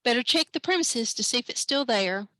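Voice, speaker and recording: A woman reading aloud voices a by-the-book police officer who talks in quick, clipped official jargon. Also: fairly high pitch, expressive, bright, forceful tone, no echo. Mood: briefing. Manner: rapid clipped official talk.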